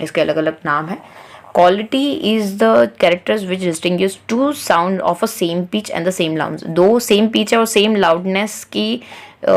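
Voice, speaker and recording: Speaking in a lowish voice, a woman tutor explains a science textbook by reading English lines slowly and then going over them in Hindi.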